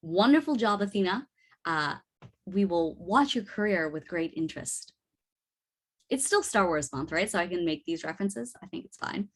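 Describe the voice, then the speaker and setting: A woman's voice: lowish voice, expressive, normal speed. A woman emceeing a talent show in a cheerful, upbeat way and introducing the next act. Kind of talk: event hosting.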